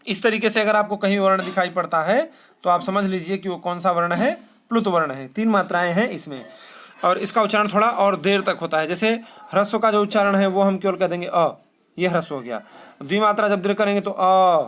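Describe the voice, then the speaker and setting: A man. He chants verses slowly and poses questions that he then answers himself. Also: sits high, fairly bright tone. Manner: asks rhetorical questions and answers them himself. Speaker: Sanskrit teacher. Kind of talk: classroom lesson.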